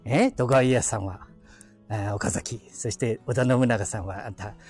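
A man with an Aichi dialect, streaming live while walking quiet residential streets, chatting to himself with chuckling asides on a hand-held phone. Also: lowish voice, moderate pace, soft background music. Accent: Aichi (Nagoya-area dialect). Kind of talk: casual rambling walk-and-talk.

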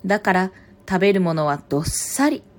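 A woman's voice: on the low side, expressive, a little fast. Woman voicing smug storybook ants. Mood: lecturing. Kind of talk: picture-book read-aloud.

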